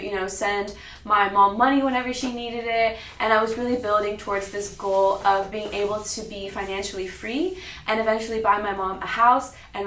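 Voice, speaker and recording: A young adult American woman from Sacramento, California, shares her personal story as a public talk. Her voice is medium-pitched with a fairly bright tone, recorded from a distance in a roomy, echoing space.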